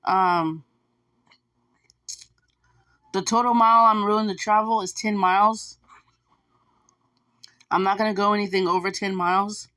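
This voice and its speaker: A woman's voice: medium pitch, steady tone, a little slow, pauses often, bright, forceful tone. A woman who drives for food delivery, talking casually to viewers, chatty and repetitive, with lots of fillers. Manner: chatty, repeats herself, frequent fillers. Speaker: gig delivery driver vlogger. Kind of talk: casual advice vlog to viewers.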